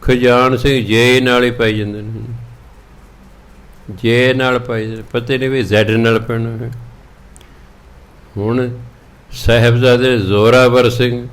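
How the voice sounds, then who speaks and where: A man preaching a Sikh scripture sermon with a Punjabi accent, chanting verses slowly and then explaining them in plain talk. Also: medium pitch, smooth.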